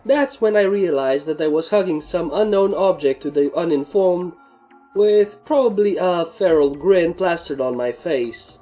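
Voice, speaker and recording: A woman narrating a fan story in the first person, with a steady, plain reading. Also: fairly low pitch, measured pace, faint music behind. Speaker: fanfic reader.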